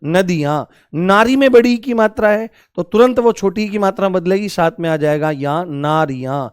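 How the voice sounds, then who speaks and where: A man's voice: high-pitched, moderate pace, clear, resonant tone, dry recording, clean studio sound. A man teaching Hindi grammar in a live online class, repeating key words and asking students for examples.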